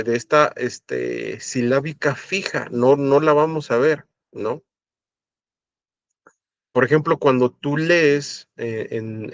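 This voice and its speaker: A man's voice: medium pitch, dry recording. Man, Bible study teacher, conversational lecture, dry recording. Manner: conversational teaching, frequent fillers and tag questions.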